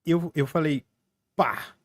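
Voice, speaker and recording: A man's voice: on the high side, slow pace. Joking male podcast co-host. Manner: joking, laughing anecdote teller. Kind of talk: casual chat.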